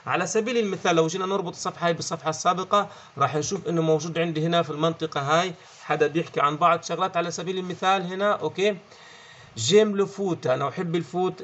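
A man with a slightly bright, high-leaning voice and a Levantine Arabic accent teaches French online, explaining carefully, checking in often, and repeating important words.

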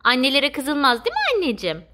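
A woman's voice: high-pitched, huge pitch swings, quick pace, bright, forceful tone, slight background noise. A young mother hosting a family vlog, talking playfully and sweetly to her little son. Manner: cooing and playful, talking to a toddler. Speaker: mother and channel host.

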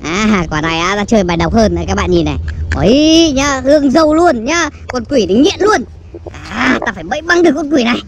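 A squeaky, boastful demon hunter, played by a man with a very high voice. He schemes out loud in a theatrical comedy-skit manner, and clear outdoor noise runs behind him. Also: expressive, brisk. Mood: scheming. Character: excitable young male demon hunter.

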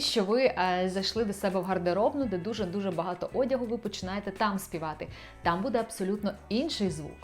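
A young woman with a Ukrainian accent, a vocal coach explaining voice placement and asking her viewers rhetorical questions. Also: mid-range voice. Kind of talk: vocal lesson with sung demonstrations.

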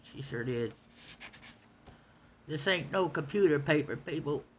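A woman's voice: low-pitched, expressive, a little slow, lo-fi sound, a little hiss or hum. A woman chatting casually about art supplies on her channel, rambling and stammering as she repeats herself. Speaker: coloring channel host. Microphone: phone.

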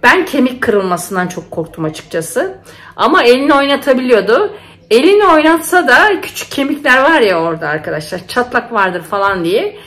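At a moderate pace, a middle-aged woman who works as a nurse and raises kids talks to camera at home in a slightly bright, high-leaning voice with big pitch swings. She's chatty and emotional, using many fillers as she tells stories.

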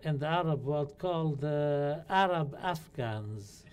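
A man from Syria, an audience member asking a formal, halting question into a handheld mic in a lecture hall. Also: a little high, animated, darkish tone, clear, resonant tone. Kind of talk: question from the floor.

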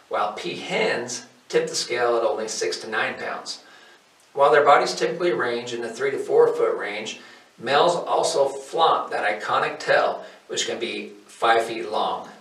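A man in his forties, hosting a hobby farm channel, reads a scripted educational piece in a steady, informative way. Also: medium pitch. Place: indoors, in front of a wooden wall. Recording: roomy, somewhat distant mic.

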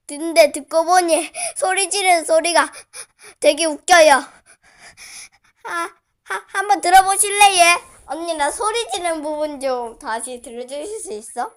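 A woman's voice: very high voice, a little slow. A young female vlogger telling viewers a story in casual chat, whiny, dramatic and tearful. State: crying.

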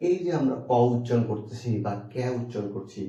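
A man teaches an exam-prep grammar lesson in a mellow, mid-pitched voice. He puts questions to the viewer and answers them himself, slowly spelling out words. He sounds set back from the mic in an echoey room. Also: animated, distant mic, muffled recording.

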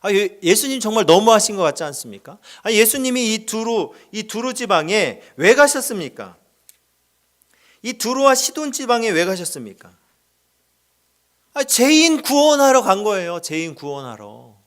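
A man's voice: high-pitched, very animated, moderate pace, fairly bright tone. A man preaching a sermon as pastor, dramatic, acting out quoted pleas and dropping to near whispers. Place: church sanctuary.

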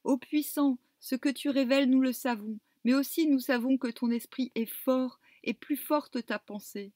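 A woman's voice: high-pitched, normal speed, warm tone, no echo, clean studio sound. A woman reading the reply of Kotos, a loyal hundred-armed male giant, in an earnest, deferential way.

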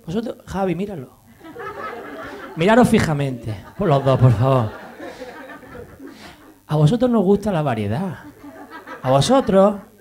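Brief: lively male comedian, swooping animated delivery, acts out scenes for the crowd. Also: high-pitched. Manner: animated, acts out scenes, talks straight to audience members. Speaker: stand-up comedian. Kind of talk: stand-up comedy set. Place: comedy stage before a live audience.

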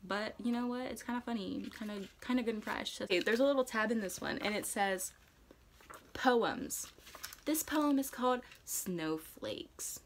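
A young American woman reading and chatting casually, with an animated, theatrical delivery and amused self-mockery. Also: medium pitch, moderate pace, slight background noise. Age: young adult. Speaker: vlogger. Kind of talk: casual chat and reading own childhood diaries aloud. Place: dark room indoors at home.

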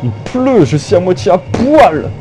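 Young man, gameplay commentary, rambling and jokey, lively pitch, game music behind. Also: a little slow. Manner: rambling and jokey, with many restarts and fillers. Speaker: gaming YouTuber. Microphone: old phone headset.

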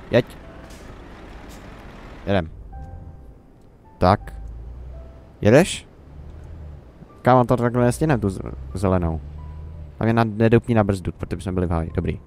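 Young Czech man, low voice, casual rambling let's-play commentary, faint music under it. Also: darkish tone. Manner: rambling, musing, talks to himself and the game.

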